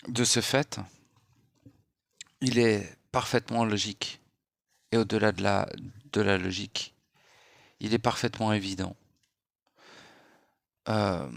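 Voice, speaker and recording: A man giving a late-night spiritual monologue in a hushed, unhurried voice, lecturing and posing rhetorical questions. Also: fairly low pitch, creaky, dry recording, clean studio sound. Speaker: spiritual speaker.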